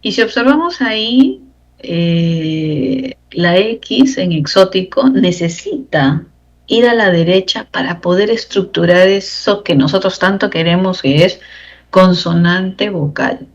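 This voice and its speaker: A woman lecturing on grammar for exam preparation in a measured teaching voice. She builds each point step by step and keeps asking the class rhetorical check-in questions. The recording sounds a little dull and lo-fi. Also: lowish voice. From Peru. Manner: explains step by step, asks rhetorical tag questions. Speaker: language teacher.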